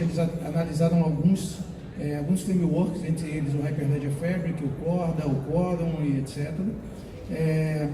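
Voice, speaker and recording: Man panelist, hesitant speaker; higher voice, distant mic in an echoey hall. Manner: hesitant, many fillers. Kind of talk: panel talk. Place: conference hall. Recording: echoey room, far from mic, noisy.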